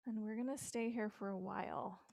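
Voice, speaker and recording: A middle-aged woman guiding a yoga session with calm, gentle instructions and casual fillers, recorded indoors on a close mic. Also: medium pitch, fairly quick, gravelly, no room sound.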